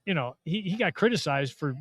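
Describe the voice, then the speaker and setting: A man's voice: on the high side, animated, brisk, a bit bright, slightly rough, no room sound. A man co-hosting a live basketball draft reaction, a columnist telling jokey stories and giving opinions. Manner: storytelling, jokey banter. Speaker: sports columnist co-host. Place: arena media room.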